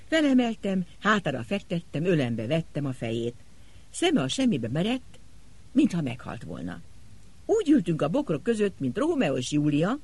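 A man narrating an audiobook in a dramatic, expressive way. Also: a little high, vocal fry, slightly rough.

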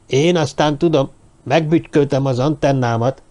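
A man's voice: mid-range voice, darkish tone, close to an everyday voice. A man voicing an eager, self-important dwarf who spreads news. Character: young dwarf man, know-it-all and gossipy.

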